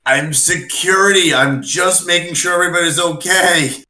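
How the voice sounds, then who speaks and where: A man's voice: sits high, normal speed, bright, forceful tone, pitched above the performer's own voice. A man voicing a brash, rude male adventurer who talks bluntly and dismissively. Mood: bluffing. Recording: echoey room.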